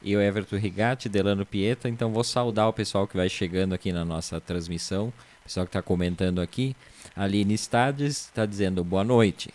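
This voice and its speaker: A man's voice: fairly low pitch, darkish tone. Easygoing man hosting a stream. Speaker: host. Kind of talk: live-stream show hosting.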